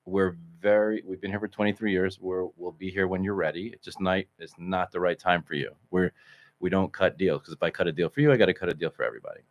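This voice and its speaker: Deep-voiced fifties man, blunt joker, mumbles off at line ends. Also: steady tone, fast. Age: 50s. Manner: blunt, swearing, jokey, trails off quietly. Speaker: chiropractor, podcast co-host. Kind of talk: casual chat.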